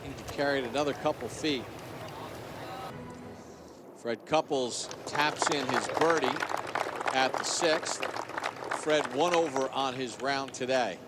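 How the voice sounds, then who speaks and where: A man's voice: medium pitch, slow pace, pauses often. A man working as a golf commentator, calling live play-by-play with outdoor ambience behind him. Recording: clear outdoor ambient noise.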